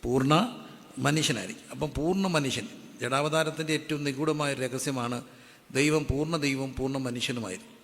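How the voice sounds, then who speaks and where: A man's voice: medium pitch, normal speed, a bit bright. A man preaching a sermon as pastor, asking the congregation to repeat verses back to him. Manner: call-and-response preaching, asks the congregation to repeat verses aloud. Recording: echoey hall with faint ambient noise.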